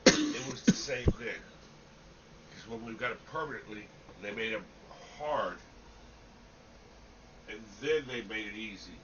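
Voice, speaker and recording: A man chatting casually about a game in a drawn-out, matter-of-fact way. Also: on the low side, very animated. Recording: distant, muffled mic with loud noise and clicks.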